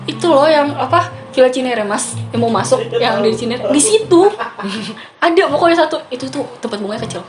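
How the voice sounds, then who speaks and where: A young woman with a Jakarta accent tells stories casually, in animated, slangy South Jakarta gossip style. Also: high voice, a little fast, loud music behind the voice. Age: young adult.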